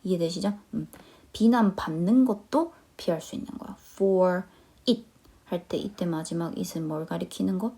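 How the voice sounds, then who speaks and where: A young adult woman teaching an online lecture, reading phrases slowly and explaining them quickly with frequent checking questions. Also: lowish voice, dark tone. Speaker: English teacher.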